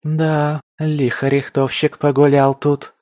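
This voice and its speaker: A man's voice: fairly high pitch, level tone, slow pace, a little mellow, no echo, clean studio sound, pitched above the performer's own voice. A man voicing a tough, wounded young woman scavenger who mutters and curses to herself in a storybook reading. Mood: muttering. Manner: muttering to herself, gruff, cursing.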